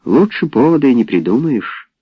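A man reading a gentle, shy woman in an audiobook. She speaks softly and unhurriedly. The recording is dry and muffled. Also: medium pitch, very animated, normal speed, breathy edge, dry recording, voice pushed up. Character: quiet timid woman, gentle. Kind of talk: audiobook character voice.

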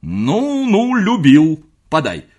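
A man's voice: fairly high pitch, huge pitch swings, slow, a little mellow, breathy edge, voice pushed up, full character voice. A man reading aloud, voicing a sardonic middle-aged uncle who mocks and grumbles. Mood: mocking. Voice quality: mocking, grumbling.

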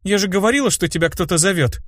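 A man's voice: high-pitched, quick pace, a bit bright, no echo, studio quality, voice pushed up. A man voicing a blunt, curious little girl in a fantasy audiobook. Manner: blunt, matter-of-fact.

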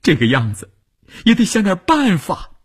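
A man voicing a shrill, sobbing mother. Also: wildly swooping pitch, moderate pace, breathy edge, full character voice. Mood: pleading. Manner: choked, pleading, rising to shrill outcries. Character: distraught middle-aged mother, pleading and shrill.

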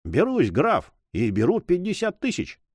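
A man's voice: high voice, wildly swooping pitch, measured pace, slightly rough, no echo, studio quality, pitched above the performer's own voice, exaggerated voice. A male reader voicing a greedy, anxious prison commandant who talks eagerly and fawningly in a storybook reading.

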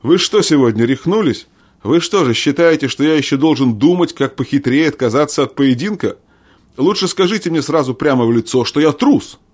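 A man's voice: mid-range voice, a little fast, natural voice. A man voicing a proud, angry middle-aged king in a storybook reading, blustering and scornful.

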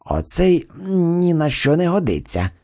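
A man's voice: on the high side, very animated, unhurried, a little mellow, voice pushed up. A man voicing a spoiled, freckled fat boy who sneers at an actor in an audiobook. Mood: sulky. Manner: sulky, scornful complaints.

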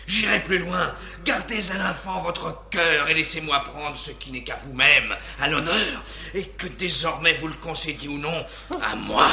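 An actor playing a lustful, cruel, jealous court jester in a declamatory, gloating 1950s French radio theatre style. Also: male voice, a little high, creaky, sharp tone, full character voice. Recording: roomy, echoing 1950s radio recording.

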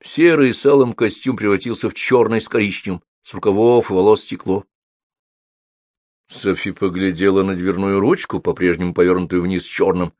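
A man narrating a storybook with an expressive, dramatic reading. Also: low voice, normal speed, no room sound. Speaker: audiobook narrator.

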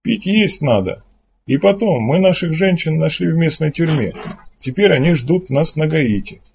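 A man's voice: mid-range voice, lively intonation, moderate pace, dark tone, slight background noise, natural voice. A man voicing a stern male pirate commander in an audiobook, speaking in a dry, businesslike and curt way. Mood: matter-of-fact.

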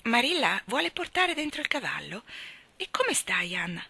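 A woman's voice: fairly high pitch, big pitch swings, normal speed, vocal fry, sharp tone, husky, pitched above the performer's own voice, full character voice. A woman reading a novel aloud, voicing a kindly, fussy, easily flustered middle-aged housewife who exclaims and apologizes. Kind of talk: audiobook reading.

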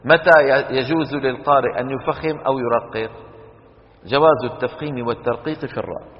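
A man teaching Quran recitation rules to a class, quizzing students with quick questions and chanting the examples slowly. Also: mid-range voice, fairly even intonation. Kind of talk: classroom lesson on tajweed rules. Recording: dull lo-fi recording with long hall reverb.

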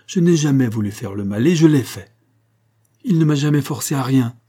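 A man's voice: mid-range voice, steady tone, normal speed, mellow, slightly rough, close to an everyday voice. A man reading aloud voices a young country woman confessing, vehement and pleading.

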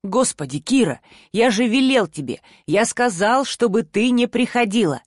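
A woman's voice: on the high side, animated, moderate pace, no echo. A stern, exasperated man, harsh and weary in his scolding, as a woman reads him in an audiobook. His voice sits in a dry, close recording with no room around it. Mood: angry scolding.

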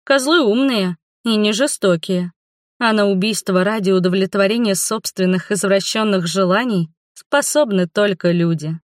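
A woman reading a first-person audiobook with a wry, ironic edge. Her voice is medium in pitch and the recording is dry and close. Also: normal speed, dry recording. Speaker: audiobook narrator.

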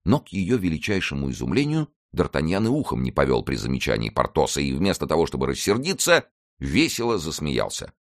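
A man with a very low, deep voice reads a classic adventure novel aloud. His delivery is expressive and measured, with lively rises and falls in pitch. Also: no room sound, clean studio sound. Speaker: audiobook narrator. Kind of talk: scripted narration.

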